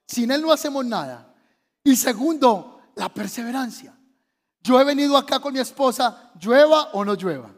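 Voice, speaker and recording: High-voiced Colombian pastor preaching in an echoey hall. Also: male voice. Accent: Colombian Spanish. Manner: preaching with call-and-response questions and repetition. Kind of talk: sermon. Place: church.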